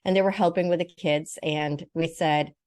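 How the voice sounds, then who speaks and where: With a low-pitched, darkish voice, fairly even intonation and normal speed, an older Swedish woman tells a personal story vividly and in detail, acting out quotes. She is a naturopathic doctor and spiritual teacher being interviewed as a guest, and the recording is dry and studio quality.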